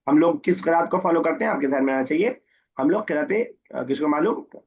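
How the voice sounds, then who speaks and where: Male Arabic teacher, mid pitch, husky, slow recitation and plain explanation, dull lo-fi line. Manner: reads the Arabic slowly, then explains in Urdu and quizzes students. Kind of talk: online class lesson, word by word. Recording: muffled lo-fi online class audio.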